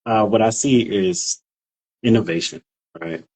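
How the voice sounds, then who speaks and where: A man's voice: unhurried, darkish tone, husky, poor audio. A man from New York interviewing a guest in a laid-back, casual way and humming along as she talks. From New York, USA. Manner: laid-back, backchannels with low hums.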